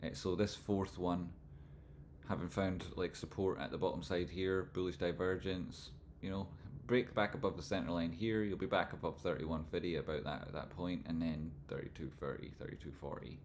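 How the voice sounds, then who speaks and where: A man with a broad Scottish accent hosting a livestream, talking informally and loosely, not always crisply enunciated, as he comments on charts and chats with viewers. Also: deep voice, steady tone, normal speed, a little hiss or hum. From Scotland. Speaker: livestream host and trading analyst. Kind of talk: live chart commentary and casual chat with viewers.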